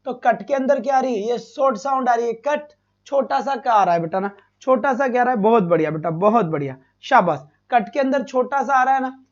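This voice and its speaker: Brief: male tutor, live class, asks then answers himself, loud bursts of praise, dull lo-fi sound. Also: very high voice, fairly quick. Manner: addresses students as beta, asks and answers own questions. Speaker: teacher. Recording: dull lo-fi stream audio.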